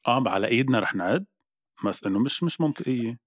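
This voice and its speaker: A man with a Lebanese Arabic accent in casual chat, bantering in an animated, argumentative way. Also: medium pitch, fast talker, no echo, clean studio sound.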